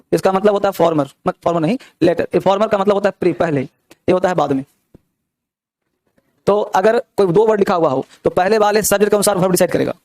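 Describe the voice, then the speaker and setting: A man's voice: high-pitched, darkish tone, dry recording, clean studio sound. A young man teaching an English grammar class, explaining step by step and asking the students many rhetorical questions. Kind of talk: classroom lesson.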